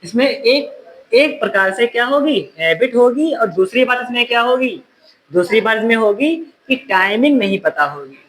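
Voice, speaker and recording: Male classroom teacher who keeps firing questions at his students and scolds them gently, a bit of faint noise in the room. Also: very high-pitched, lively intonation, normal speed, rough recording. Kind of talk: classroom grammar lesson.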